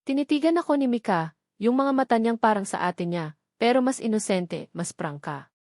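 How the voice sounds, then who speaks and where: A woman reading a romance story aloud in the first person, in a measured, emotional storytelling manner. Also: on the high side, expressive, a little mellow, dry recording, clean studio sound. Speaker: audiobook narrator.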